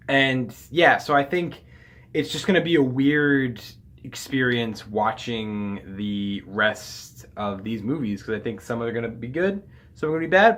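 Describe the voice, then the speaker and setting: A young man giving a loose, casual spoken review, full of fillers, swearing freely and dropping his voice low on asides. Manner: loose and rambling, many fillers, frequent swearing; pitch and loudness swing widely, drops low on asides. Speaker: anime reviewer.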